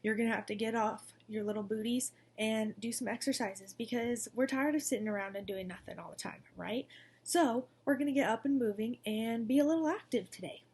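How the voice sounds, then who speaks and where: A woman's voice: on the high side, fairly quick, a little mellow, breathy edge. A young woman teaching a recorded lesson to second graders, in an upbeat, coaxing manner. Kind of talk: recorded distance-learning lesson.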